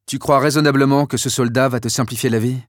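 A man voicing a gruff, blustering army general who gives orders and loses his temper, for an audiobook. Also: mid-range voice, steady tone, no echo, clean studio sound, natural voice. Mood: stern. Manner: commanding, quick to explode. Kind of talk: audiobook character voice.

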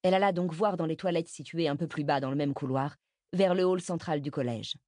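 A woman reading a novel aloud as audiobook narrator, steady and measured. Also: low-pitched, dry recording, studio quality.

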